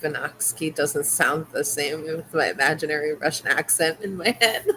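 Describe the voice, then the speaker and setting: Lit by the glow of fish tanks in her home, a livestream host talks casually late at night, drifting hesitantly between topics with many fillers and unfinished thoughts. She speaks at a moderate pace in a low, pushed, bright voice. A little hiss or hum is present.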